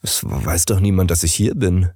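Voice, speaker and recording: A man reading an audiobook, voicing a weak, hoarse older patient just waking in hospital. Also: sits low, normal speed, dark tone, no echo, studio quality. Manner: faint, hoarse.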